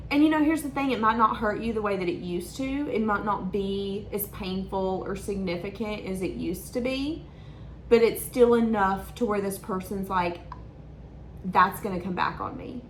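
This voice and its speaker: A woman's voice: mid-range voice, fairly bright tone, slight background noise. Emotional woman tarot reader, echoey room. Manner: emotional, stream-of-consciousness, repeats herself. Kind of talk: intuitive tarot reading to viewers.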